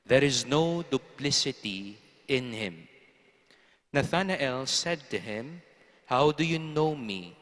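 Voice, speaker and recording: Male clergy reader, solemn and deliberate, slow delivery, long cathedral echo. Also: mid-range voice, fairly bright tone. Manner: measured, formal proclamation. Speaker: clergyman reading the Gospel. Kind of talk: solemn liturgical scripture reading. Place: large reverberant church.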